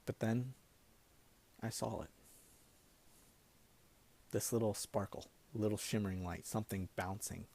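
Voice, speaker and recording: A young man telling a comic personal story in an animated way, now and then breaking into laughter. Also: lowish voice, a little slow, vocal fry, long pauses.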